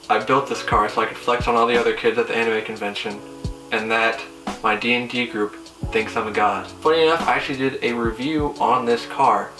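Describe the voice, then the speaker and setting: A young car video host delivers a review full of sarcastic, teasing jabs, in a style that is casual yet scripted. His medium-pitched voice is bright and punchy. The mic sounds distant, the room echoes, and faint music plays behind him.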